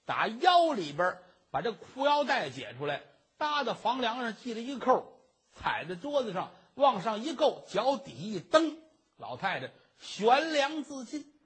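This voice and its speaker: A man telling a traditional comic story, voicing each figure himself in a lively, husky way. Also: very high voice, normal speed.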